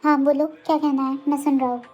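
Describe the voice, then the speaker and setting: A woman's voice: sits high, level tone, fast talker, voice pushed down, lightly acted. A woman doing a hot-headed jealous young man. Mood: tender. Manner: threatening, blunt. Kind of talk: dramatized story reading.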